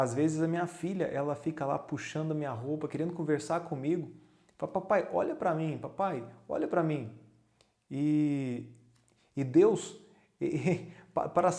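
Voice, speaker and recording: A man's voice: on the high side, warm tone. A man preaching a sermon as pastor, speaking the psalmist's prayers in the first person and stacking repeated phrases for emphasis. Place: church.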